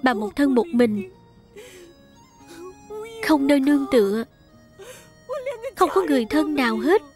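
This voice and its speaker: An old beggar woman with no one left speaks slowly and sadly, read by a woman in a dub. Her voice stays fairly high. She sounds worn and lonely. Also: expressive, a little mellow, soft background music. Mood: mournful. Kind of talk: Vietnamese voice-over dubbing.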